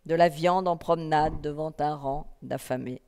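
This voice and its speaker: A woman reading a literary text aloud at a festival, in a calm, measured first-person narration. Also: sits low, clear, resonant tone. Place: festival stage in a hall. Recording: long reverb of a hall.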